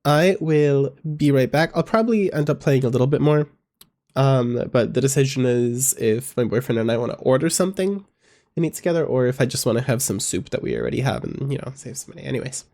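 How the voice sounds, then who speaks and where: A man's voice: medium pitch, expressive, a little fast, vocal fry, darkish tone. A man streaming a game live, giving wry, joking, chatty commentary.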